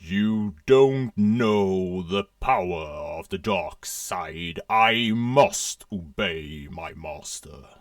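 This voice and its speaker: A menacing armored villain, put on by a man, speaking very slowly and deep, his voice clanging through a metallic tin-can delay filter. The delivery is solemn and deliberate. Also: lively intonation, no room sound, clean studio sound, far from the mic, heavily acted. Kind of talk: voice effect demonstration.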